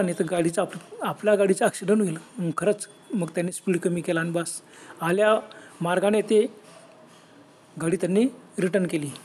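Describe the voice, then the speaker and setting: A man narrates a spooky tale in an easy, colloquial way. His voice sits notably high, and he jumps up further to act out frightened and arguing characters. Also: slight background noise. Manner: lively, acts out dialogue with raised pitch. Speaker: storyteller. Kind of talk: spoken horror story narration.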